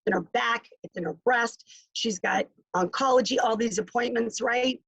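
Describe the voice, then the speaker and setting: A woman's voice: fairly high pitch, moderate pace, vocal fry, a bit bright, husky, no room sound, poor audio. A middle-aged woman giving an emphatic motivational talk over a video call, repeating her key phrases. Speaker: guest speaker.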